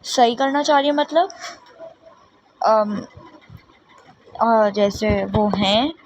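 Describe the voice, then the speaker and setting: A woman's voice: a little high, takes it slowly, highs cut off. A woman voicing a pushy young friend who insists, meddles and talks the other girl round. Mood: persuasive.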